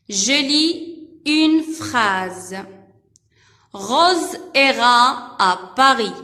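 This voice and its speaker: A high-voiced woman teacher leads a reading lesson for first graders, spelling out each syllable with deliberate, repeated care. The recording carries a roomy echo with a long trailing reverb. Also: a bit bright. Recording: echoey room with long reverb.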